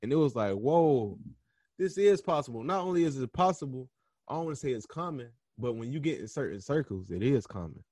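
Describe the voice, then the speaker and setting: A young man talks in an easygoing, slangy way, stopping and restarting as he works out his answers. His voice sits at an ordinary middle pitch. The sound is close and dry, with no room around it. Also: brisk, no echo. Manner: relaxed, slangy, thinking aloud with many restarts. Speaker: podcast host being interviewed. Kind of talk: casual interview conversation.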